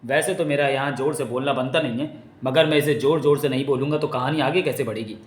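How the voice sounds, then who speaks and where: A man's voice: medium pitch, fairly even intonation, quick pace, lightly acted. A man voicing a scheming male spy who gloats to himself over his plot. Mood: gloating. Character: scheming male court spy, sneaky villain. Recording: echoey room.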